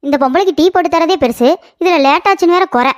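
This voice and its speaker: A woman voicing a sharp-tongued young wife in a cartoon, answering back quickly. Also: very high-pitched. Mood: defiant. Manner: mouthy, quick retorts.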